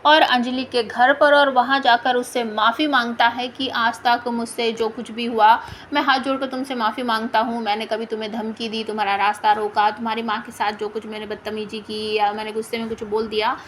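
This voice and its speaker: A woman narrating a plot recap in a steady storytelling manner. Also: a little high, fairly quick, a little hiss or hum.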